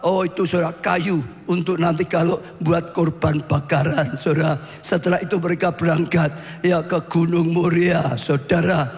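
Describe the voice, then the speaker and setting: A man preaches in a high-pitched voice, retelling a story dramatically and often swelling into shouts. His voice rings out with a long hall reverb, as in a large church. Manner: addresses listeners as saudara. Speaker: pastor. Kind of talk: sermon storytelling.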